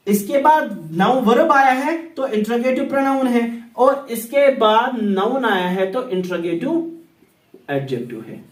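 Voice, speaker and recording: Male English teacher explaining grammar, very high voice, echoey room, deliberate repetition. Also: distant mic. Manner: slow, deliberate, repeats English example sentences. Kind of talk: grammar lesson explained in Hindi. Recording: echoey room, set back from the mic.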